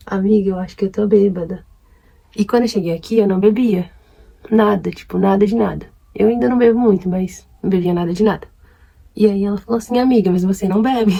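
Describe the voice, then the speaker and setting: A woman's voice: fairly low pitch, slight background noise, poor audio. A young woman from Brazil gossiping casually about her dates while doing her makeup. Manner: chatty, gossipy, animated retelling. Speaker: beauty vlogger.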